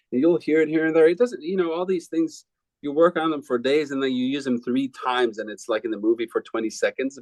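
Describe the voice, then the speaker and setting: A man in his forties from Belgium, a film composer answering interview questions in a relaxed, rambling way with frequent restarts. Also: medium pitch, no room sound, low-quality recording.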